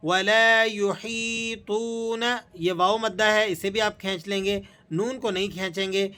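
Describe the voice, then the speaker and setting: A man teaching Quran recitation rules, reciting verses slowly and drawn out, then explaining in calm plain speech. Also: high-pitched. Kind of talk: Tajweed lesson with slow recitation.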